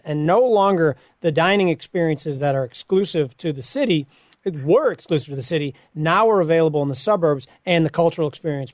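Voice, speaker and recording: A man's voice: fairly high pitch, dry recording, clean studio sound. A middle-aged man from the Chicago suburbs, hosting and asking long, rambling interview questions full of restarts. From Chicago suburbs, USA. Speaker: host.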